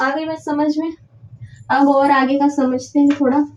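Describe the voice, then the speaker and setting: A woman with a high voice gives an exam-prep grammar lesson and keeps asking whether the class follows. She drops English words into her explanations and spells her examples out word by word. The sound is echoey and a little muffled. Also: flat delivery, unhurried, a little mellow, distant mic, a little hiss or hum. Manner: repetitive, checks understanding with frequent "thik hai" and "hai na"; mixes English words into Hindi. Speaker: Hindi grammar teacher. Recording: echoey room, dull lo-fi sound.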